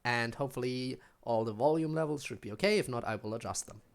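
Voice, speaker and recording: A game streamer with a medium-pitched voice chats fast and casually over gameplay in a wry, informal way, their voice set over game music.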